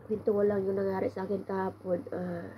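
A woman's voice: mid-range voice, flat delivery, quick pace, highs cut off, a little hiss or hum. A woman with a cold-congested voice tells a rambling, casual story at home, sighing often as she complains. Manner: meandering, with frequent sighs of complaint. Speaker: vlogger.

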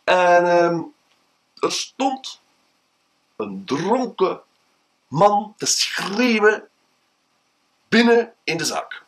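A man telling an anecdote theatrically, with drawn-out, dramatic pauses. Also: high-pitched, very animated, poor audio. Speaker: storyteller. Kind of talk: told anecdote with a moral.

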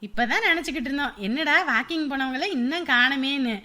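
A woman's voice: sits high, quick pace, pushed and bright. A woman playing a middle-aged mother-in-law who reassures and gives orders in a family drama. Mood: reassuring. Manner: reassuring and commanding.

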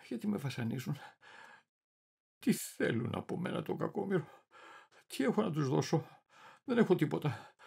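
A man performing a theatrical reading as a deluded, paranoid middle-aged clerk, swinging wildly between shouting and muttering. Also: high-pitched, creaky, slightly rough, exaggerated voice. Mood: anguished. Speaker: reader of a dramatic monologue.

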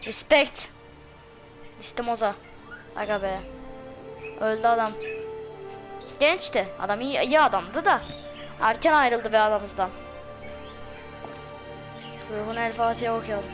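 A woman streaming a game with excitable, chatty commentary and shouted reactions. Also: a little high, a little slow, pauses often. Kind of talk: let's-play commentary. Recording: voice over loud game music.

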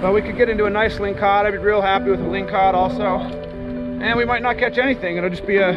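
A man in his thirties chats to an action camera outdoors on an ocean jetty, explaining his fishing in an easygoing way. His voice sits high for a man. Loud background music runs under the whole recording. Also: steady tone, a little fast, muffled recording. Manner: easygoing, chatty, explains as he goes. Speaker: fishing vlogger. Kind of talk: casual outdoor vlog. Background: music under the talk.

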